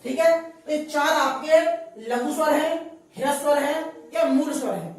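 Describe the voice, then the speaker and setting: A woman's voice: sits high, moderate pace. A woman teaching a grammar lesson, repeating each point and quizzing her listeners with questions. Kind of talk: classroom lesson. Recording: very echoey room, voice from a distance.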